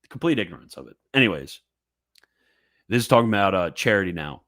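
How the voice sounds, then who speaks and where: A man's voice: low-pitched, animated, fast talker, fairly bright tone. A man giving fervent, emphatic commentary, reading a religious text aloud and reacting with repetition and mocking asides.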